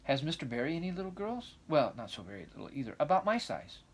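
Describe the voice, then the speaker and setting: Man voicing a breathless, gushing little girl, pitched up. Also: big pitch swings, slight background noise. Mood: eager curiosity. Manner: breathless, gushing, rapid rambling. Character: eager chattering eleven-year-old orphan girl, dreamy and dramatic.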